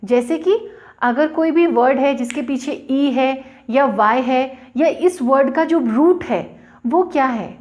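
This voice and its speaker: A woman English teacher, a native Hindi speaker, explaining letters, syllables and sentences slowly and deliberately, spelling words out. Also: high-pitched, a little mellow. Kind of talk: bilingual classroom explanation.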